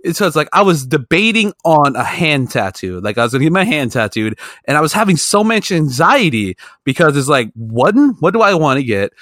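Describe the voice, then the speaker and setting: A man co-hosting a casual podcast, telling stories in an excitable, swearing, animated way. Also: on the high side, fairly quick, few pauses, no room sound, studio quality. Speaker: podcast co-host. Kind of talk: casual chat.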